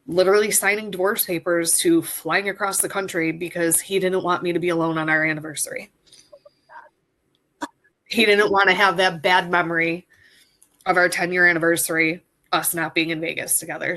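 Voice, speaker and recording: A woman in her thirties, a coaching client, telling her story in a chatty, animated way with lots of fillers. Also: on the low side, normal speed, pauses often. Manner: chatty, animated storyteller, squeals when quoting herself. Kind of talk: casual storytelling interview.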